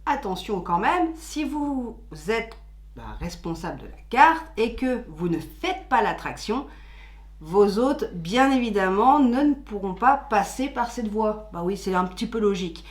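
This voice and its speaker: In an echoey room, a female co-host of a theme-park channel talks in a chatty way, using fillers as she explains things patiently. Her medium-pitched voice is animated and unhurried.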